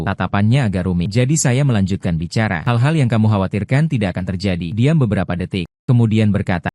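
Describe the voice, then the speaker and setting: A man narrating a first-person family drama story, reading every character's lines in an even read-aloud delivery. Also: fairly low pitch, dry recording, clean studio sound.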